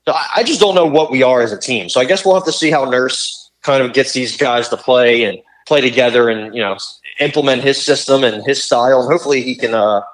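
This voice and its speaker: A man's voice: medium pitch, fairly quick, low-quality recording. Profane young man ranting about sports. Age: young adult. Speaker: podcast co-host. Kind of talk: casual sports talk.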